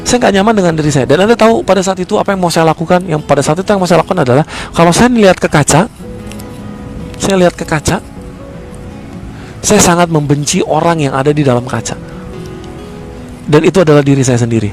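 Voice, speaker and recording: A man's voice: a little high, quick pace, pauses often, faint music behind. A man speaking, giving a motivational sales-coaching talk. He is emphatic and keeps asking rhetorical questions and answering them himself.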